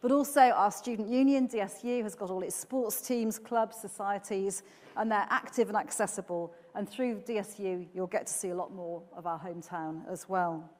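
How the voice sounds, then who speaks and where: A woman delivers an upbeat, earnest welcome speech at a middling pitch. She talks with an occasional filler. Her voice rings out with a long echo in a large hall. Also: fairly even intonation, normal speed, darkish tone. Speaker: university speaker giving welcome talk.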